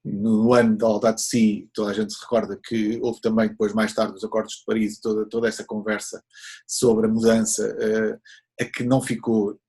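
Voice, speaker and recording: A man's voice: lowish voice, flat delivery, normal speed, a little mellow, husky. A man, a scout leader answering interview questions in an earnest, explanatory way.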